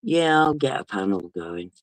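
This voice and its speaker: A man from England with a British accent and a sing-song mid-range voice chats casually at a moderate pace on a late-night phone livestream, since he can't sleep. As host he's chatty and greets viewers by name, and there's no echo.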